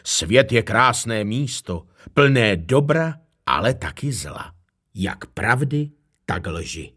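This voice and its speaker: A man reading a children's storybook, voicing a kind old male mist spirit who speaks gently and wisely. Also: medium pitch, sing-song, slightly rough. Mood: gentle wise. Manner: gentle, wise, smiling storyteller tone.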